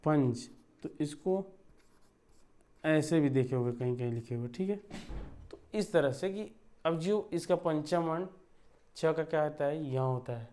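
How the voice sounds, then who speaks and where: A man's voice: on the high side, moderate pace, mellow. A man teaching a lesson, explaining step by step and checking in with his students as he writes. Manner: explains step by step, often asks ठीक है. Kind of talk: classroom lesson.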